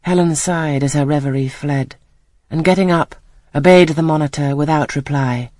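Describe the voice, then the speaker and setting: A reader narrating a classic novel in a measured, even storytelling manner. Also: medium pitch, no echo. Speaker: audiobook reader. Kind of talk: scripted literary narration.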